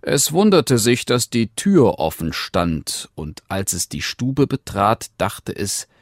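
A low-voiced man reads a classic fairy tale aloud, slow and unhurried, with lots of rise and fall in his delivery. Recorded close and bone-dry. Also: no room sound. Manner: expressive, animated reading. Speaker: narrator. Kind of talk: storybook reading.

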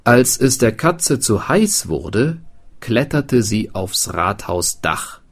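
A man reading a storybook aloud, with slow, expressive narration. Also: mid-range voice.

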